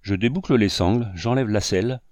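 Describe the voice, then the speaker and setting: A man voicing an eager girl of about sixteen, higher and louder than his narration. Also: brisk, no room sound, muffled recording, close to an everyday voice.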